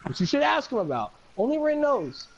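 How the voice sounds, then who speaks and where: A man's voice: very high voice, huge pitch swings, brisk, gravelly, dull audio, background noise. A man talking as a guest in casual chat, profane, rambling and heated.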